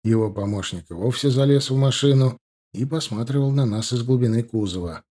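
A man narrating a first-person audiobook with steady storytelling. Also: medium pitch, fairly quick.

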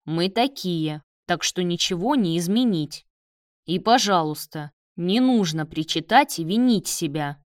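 A man's voice: high-pitched, expressive, measured pace, no room sound, clean studio sound. A woman reading a blunt, sardonic young doctor. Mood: firm. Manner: curt and cutting.

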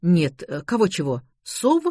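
Female audiobook narrator with a lowish voice and wry, expressive delivery. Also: moderate pace, dry recording, studio quality. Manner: wry, expressive first-person reading. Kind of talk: scripted narration.

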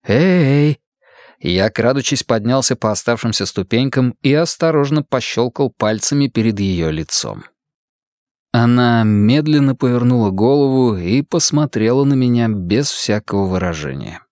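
A male narrator reading a first-person novel with expressive, animated delivery. His voice sits at a middle pitch but moves a great deal, and the sound is close and dry with no room around it. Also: moderate pace, dry recording. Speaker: audiobook narrator.

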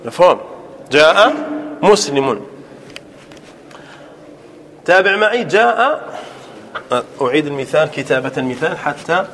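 High-voiced man teaching Arabic grammar. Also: big pitch swings, a bit bright, slight background noise. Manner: asks rhetorical questions and repeats examples slowly; dictates examples at a slow, deliberate pace. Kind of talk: classroom grammar lesson.

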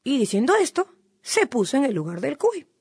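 A woman telling a folk tale on the radio, lively and expressive. Her voice is high and dances up and down a lot. It is recorded very close and dry. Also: moderate pace, slightly rough, no room sound. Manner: lively, expressive storytelling with repetition. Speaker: radio host and storyteller. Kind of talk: storytelling.

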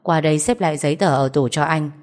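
A woman's voice: low-pitched, quick pace, darkish tone, close to an everyday voice. A woman voicing a young man who teases his wife in a dry, bossy way, told as an audio story. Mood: curt. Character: young man, teasing boss and husband.

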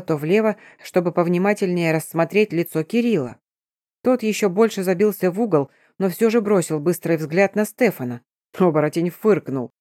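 A woman narrating an audiobook in an even storytelling manner. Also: lowish voice, no echo, clean studio sound.

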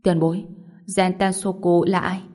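A man's voice: high voice, level tone, measured pace, a little mellow. A woman reading the lines of a timid, admiring young male disciple who speaks very politely. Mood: deferential.

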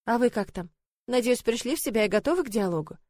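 A woman's voice: fairly high pitch, expressive, quick pace, darkish tone, dry recording, close to an everyday voice. A woman reading a storybook voices the young heroine, a caring nanny who answers with wry teasing.

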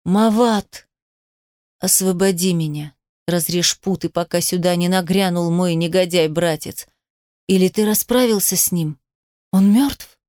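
A woman's voice: fairly low pitch, unhurried, a little mellow, dry recording, studio quality, natural voice. A woman voicing an aging male herald, a desperate traitor father who pleads and then spits insults. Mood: pleading.

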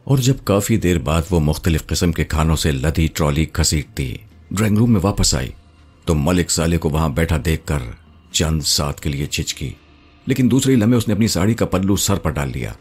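A man narrating a novel in the first person in a measured, brooding way, with faint music behind. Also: rumbling low, lively intonation, a little mellow, slightly rough.

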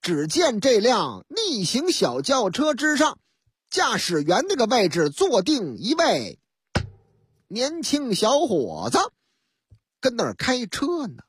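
A woman radio host retelling a news item as a comic story in lively, drawn-out storyteller phrasing. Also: on the high side, breathy edge, no echo, studio quality.

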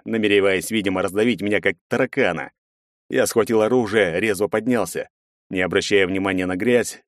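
A man's voice: on the low side, no room sound, studio quality. A man narrating a first-person action audiobook with a dramatic reading.

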